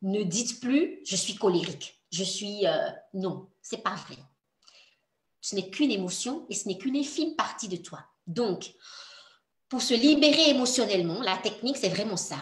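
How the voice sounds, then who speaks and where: A woman coaches mothers through a workshop, earnest and encouraging as she speaks directly to her listener. Her voice moves animatedly up and down, at a middling pitch. The recording carries a noticeable roomy echo. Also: lively intonation, normal speed. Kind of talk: workshop talk.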